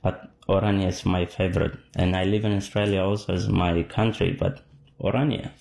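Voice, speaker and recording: A man's voice: low-pitched, fairly even intonation, moderate pace, gravelly, darkish tone. A man from Iraq whose first language is Arabic, answering interview questions at home in short, casual replies full of fillers. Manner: short answers, many fillers, laughs easily. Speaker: interviewee, football fan. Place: his home.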